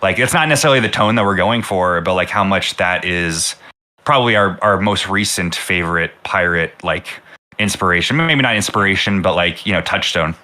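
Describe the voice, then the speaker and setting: A man answering questions in a casual livestream about game design, halting and full of fillers. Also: sits low, pushed and bright.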